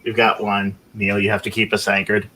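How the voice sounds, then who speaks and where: A man's voice: on the low side, completely flat delivery, brisk, a loud crowd. A man hosting a podcast, joking crudely in casual chat. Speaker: podcast host.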